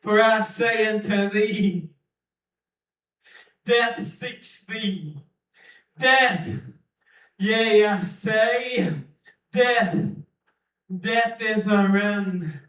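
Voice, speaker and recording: A preacher chants a prophetic utterance in King James-style language, repeating lines and slipping into speaking in tongues, recorded at a distance in a reverberant room. His voice is high and fairly bright, very slow, with frequent pauses.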